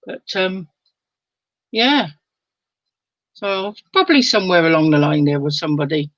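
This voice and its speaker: An older Englishwoman hosts a casual home live stream, chatting with viewers, reading out their comments and laughing a lot, though she's sleepy and yawns now and then. Her voice is lowish and very animated at a normal speed, on a lo-fi recording with no room sound.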